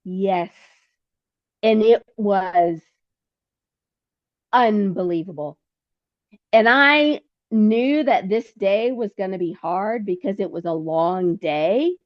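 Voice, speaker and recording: Animated woman telling her story, laughing. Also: mid-range voice, slow, long pauses, no room sound, highs cut off. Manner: animated, acts out dialogue with laughs. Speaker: podcast guest, pilgrim. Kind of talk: casual storytelling.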